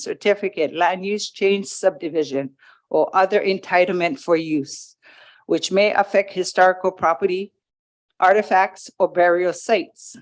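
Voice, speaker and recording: A woman from Hawaii giving public testimony at a planning hearing, reading a prepared statement into a table microphone and halting over the legal wording. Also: fairly low pitch. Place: county planning commission hearing room.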